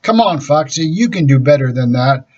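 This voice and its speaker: A man voicing a cheerful, encouraging father in a storybook reading, with a husky voice and hearty delivery. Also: on the high side, animated, normal speed, darkish tone. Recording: dull lo-fi recording.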